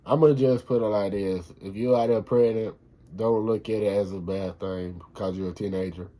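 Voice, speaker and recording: A young man with a warm, lowish voice talks at a normal pace with fairly even intonation. He's casually chatting in a vlog, laid-back and slangy, sounding protective as a father-to-be.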